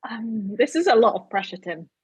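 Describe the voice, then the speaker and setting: A woman's voice: on the high side, lively intonation, moderate pace, background noise. A woman guest, a professional bowler, chatting casually and laughing easily in a podcast interview.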